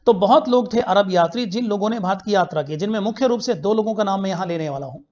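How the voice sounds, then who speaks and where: A man's voice: high-pitched, fast, darkish tone. Male history teacher in an online class, poses questions, answers them himself, drills key facts; dull lo-fi recording. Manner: repeats key facts for students to remember.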